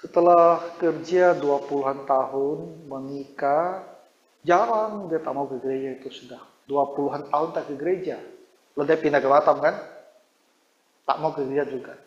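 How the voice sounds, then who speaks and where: Man preaching casually in a roomy hall. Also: normal speed. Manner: conversational, storytelling with quoted dialogue. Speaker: pastor. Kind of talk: informal sermon with personal stories. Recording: roomy, dull low-fi sound.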